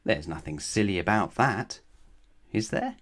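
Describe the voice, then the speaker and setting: Low-pitched man reading a bedtime story. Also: animated, measured pace, fairly bright tone. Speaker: storyteller reading a children's book aloud. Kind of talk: children's bedtime story narration.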